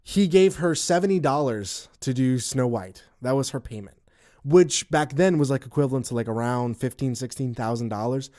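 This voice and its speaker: A man's voice: medium pitch, normal speed, dark tone. Rambling man on a casual podcast. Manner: rambling, many restarts and fillers, laughs while telling stories. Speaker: podcast co-host.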